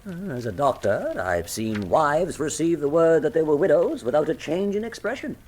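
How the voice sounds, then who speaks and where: An actor playing a loyal, easily shocked Victorian gentleman doctor in a radio drama, expressive and gentlemanly. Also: a little high, normal speed, slight background noise. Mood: thoughtful, pleased. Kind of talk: full-cast radio drama acting.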